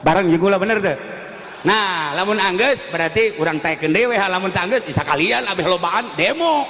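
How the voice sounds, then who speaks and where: A man's voice: high voice, animated, brisk, sharp tone, big-room sound. A man with a Sundanese accent preaching a storytelling sermon. He joks and acts out the voices of the people in his story.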